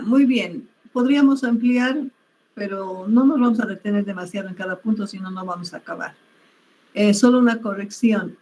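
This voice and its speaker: A woman teacher leading an online class, putting questions to students and stopping to correct how terms are used. Her pitch is middling for a woman, with faint noise behind her. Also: darkish tone, rough recording.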